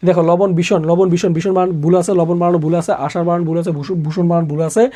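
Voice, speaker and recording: A man teaching a live online exam-prep class who repeats each question and answer again and again, pushing students to answer quickly. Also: high voice, fairly even intonation, mellow. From Bangladesh. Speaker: admission exam tutor.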